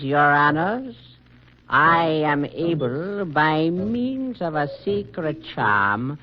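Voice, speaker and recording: An actor playing the Pied Piper, a mysterious male wanderer, speaking in a measured, courtly way in 1940s radio acting on a dull old broadcast. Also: on the high side, full character voice.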